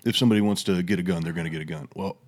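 A young man in a relaxed co-hosting chat, with a somewhat low voice. He speaks hesitantly and leans on fillers as he searches for words. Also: rapid-fire. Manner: laid-back, hesitant, many fillers. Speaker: co-host. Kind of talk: casual chat.

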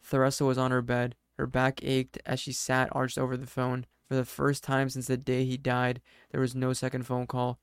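A male storyteller reading a scripted tale at a steady, even pace. His voice is smooth and clear, with almost no melodic movement. The sound is close and dry. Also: mid-range voice, dry recording. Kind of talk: scripted narration.

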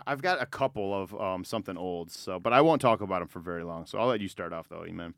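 A man's voice: low-pitched, expressive, fast, creaky, no echo, studio quality. A man co-hosting a music podcast, chatting casually with lots of fillers and easy swearing. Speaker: podcast co-host.

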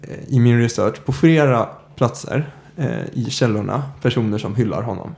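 A man hosting a podcast, telling a true-crime story in a casual way, often pausing on filler sounds. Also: medium pitch, gravelly, darkish tone. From Sweden. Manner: hesitant, many filler "eh"s. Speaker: podcast host.

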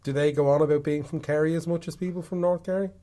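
A man's voice: a little high, fairly even intonation, fast talker, warm tone. A man with a Dublin Irish accent, hosting a podcast in a casual, chatty style. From Dublin, Ireland. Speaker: podcast host. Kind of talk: casual chat.

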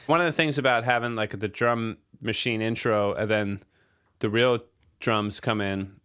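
With a lowish voice and clean tone, a drummer co-hosting a podcast talks at a moderate pace about their record. It's loose, relaxed rambling with plenty of fillers.

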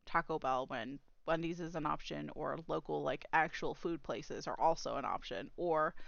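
A woman's voice: deep voice, normal speed, gravelly, no room sound, muffled recording. A woman co-hosting a podcast in casual chat, rambling and trailing off into fillers. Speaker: podcast co-host.

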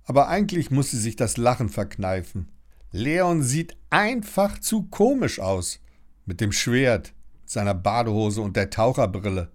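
An animated man reads a children's storybook aloud with a lively, expressive delivery. His voice is mid-pitched and swings up and down. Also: measured pace. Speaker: narrator.

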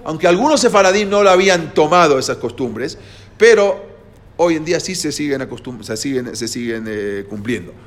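A man's voice: a little high, lively intonation, moderate pace. A man teaching a lesson, explaining step by step and checking with his listeners as he goes. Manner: explanatory, asks the listeners "¿no?" and "¿sí?" often, with hesitations. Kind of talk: lecture to a class.

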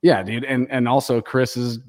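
A man's voice: medium pitch, fairly even intonation, moderate pace, darkish tone. A man co-hosting a casual podcast from an empty house, his voice echoing like a cave as he talks loosely and swears a lot. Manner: loose, swearing, says "dude" often. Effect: cave-like room echo on the voice. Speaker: podcast co-host. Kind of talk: casual podcast chat over a call.

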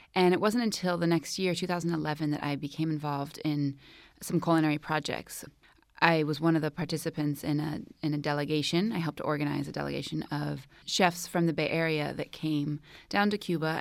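A woman's voice: low-pitched, gravelly, no room sound. A woman in her thirties from Oakland, a cookbook co-author, answering questions in a radio studio in a thoughtful, explanatory way. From Oakland, California. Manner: thoughtful, explanatory, some restarts. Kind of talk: radio interview.

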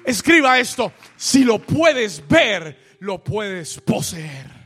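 A man's voice: sits high, big pitch swings, very slow, fairly bright tone, breathy edge, soft background music. A man preaching a fervent sermon as pastor, calling on the congregation to repeat after him and echoing his lines in English.

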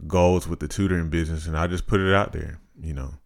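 A man in his thirties co-hosting a podcast, talking in a measured, reflective, casual way. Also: sits low, steady tone, creaky. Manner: measured, reflective, practical-minded. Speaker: podcast co-host. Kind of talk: casual chat.

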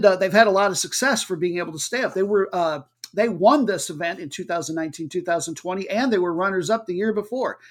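Chatty high-voiced soccer preview host. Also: male voice. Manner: chatty, digressive, unsure of foreign names. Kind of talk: casual sports analysis monologue.

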